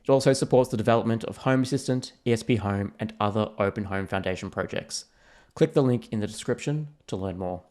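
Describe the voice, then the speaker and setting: Aussie podcast host, friendly chatty, lowish voice. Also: male voice, a little fast, a little mellow. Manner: friendly, chatty, reads sponsor lines. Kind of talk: casual podcast hosting.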